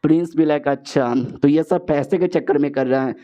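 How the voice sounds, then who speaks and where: Casual male recap narrator, a touch high and mellow, slangy, acts out the dialogue. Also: normal speed.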